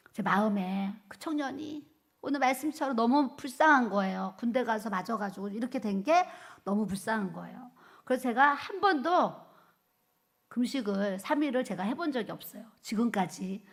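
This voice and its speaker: A woman's voice: fairly high pitch, lively intonation, normal speed. A woman pastor giving a testimony sermon, telling her story vividly and acting out the quoted speech.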